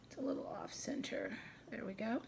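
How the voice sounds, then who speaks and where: A woman's voice: fairly high pitch, wildly swooping pitch, brisk, vocal fry, darkish tone, in a whisper. A middle-aged woman hosting a casual crafting tutorial at home, chatting and thinking aloud as she works. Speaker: craft video host.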